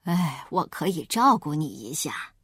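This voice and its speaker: A woman voicing a hungry, sly father wolf in a storybook reading, talking low and matter-of-fact as he coaxes his prey. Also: big pitch swings, a little slow, fairly bright tone, breathy edge, no echo, studio quality, heavily acted. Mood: coaxing.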